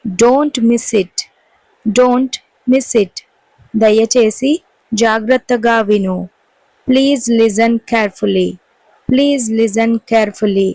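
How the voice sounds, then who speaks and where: A woman teacher, reading short English sentences slowly and clearly and repeating each one for learners. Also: a little high, a little mellow, no echo, rough recording. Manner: says each Telugu sentence briskly, then repeats the English twice, slow and clear. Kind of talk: language lesson.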